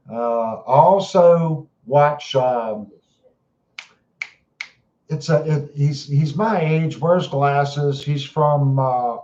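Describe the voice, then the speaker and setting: A man's voice: mid-range voice, dark tone. A man hosting a live stream, chatting casually and tired after hours on air, often repeating words as he talks to his chat. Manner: rambling, repeats words while talking to chat. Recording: roomy, dull lo-fi sound.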